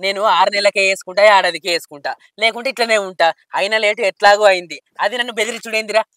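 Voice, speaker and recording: A man's voice: high-pitched, fairly even intonation, racing, pushed and bright, no echo. A man, wailing and cursing in a village comedy lament.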